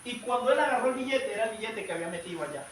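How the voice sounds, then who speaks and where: Man, preacher, very high voice, fervent sermon, church service, distant mic. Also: animated, very fast. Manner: fervent preaching, often addresses listeners as brother. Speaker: evangelist preacher. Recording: echoey hall, distant mic, faint noise.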